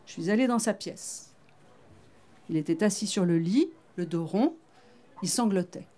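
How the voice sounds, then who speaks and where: A woman author reads her novel aloud at a bookshop in a measured, understated way. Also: medium pitch, animated, mellow.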